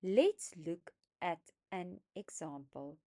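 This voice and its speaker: A woman explaining a phonics lesson, speaking deliberately and stressing each sound as she sounds out words for young learners. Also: on the low side, expressive, mellow. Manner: slow, deliberate, emphatic teaching voice, sounding out words. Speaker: phonics teacher trainer. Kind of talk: instructional lesson narration.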